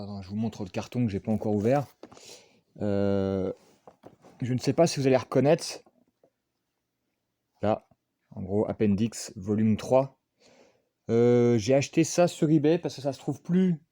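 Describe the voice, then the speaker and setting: A man's voice: medium pitch, warm tone. A man chatting casually while unboxing collectibles, rambling with lots of fillers and self-mocking asides. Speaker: unboxing vlogger.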